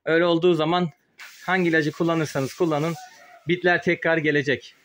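Holding his phone camera as he works, a poultry-channel host explains informally while using a sprayer inside a small wooden chicken coop for a casual vlog. His fairly high, brisk, slightly bright voice has little pitch movement and comes through a face mask, a bit muffled.

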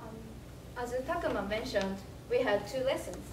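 Gentle young Japanese woman presenting. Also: on the high side, animated, moderate pace. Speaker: student presenter. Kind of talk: project presentation. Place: presentation room. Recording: echoey room, distant mic, noisy.

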